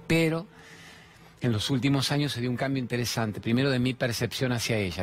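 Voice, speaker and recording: Animated Argentine man preaching over faint music. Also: mid-range voice. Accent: Argentine Spanish. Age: 50s. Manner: animated storyteller, rhetorical questions. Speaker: host of a spiritual talk show. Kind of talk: spiritual monologue.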